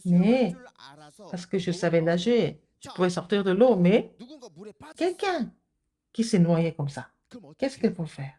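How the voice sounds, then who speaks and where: A woman giving a children's sermon, asking the kids questions and answering them, with sudden high exclamations. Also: sing-song, slow pace, pauses often, warm tone. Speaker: kindergarten preacher.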